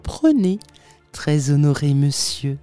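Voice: medium pitch, very animated, slow, mellow, smooth, soft background music. Ironic tempter Dapertuto, read by a narrator. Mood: silky, mocking. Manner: ironic, unctuous, overly polite. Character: sly, mocking male tempter in red coat. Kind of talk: audiobook character reading.

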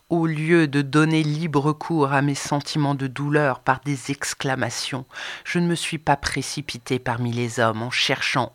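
A woman narrating an audiobook in the first person, expressive, swinging between soft and emphatic delivery. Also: very deep voice. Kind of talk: scripted narration.

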